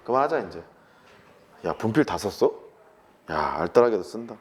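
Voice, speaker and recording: Man in his 30s, brash classroom math teacher, swings his pitch widely, needles students with casual swearing. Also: big pitch swings, moderate pace, a little hiss or hum. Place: classroom with chalkboard.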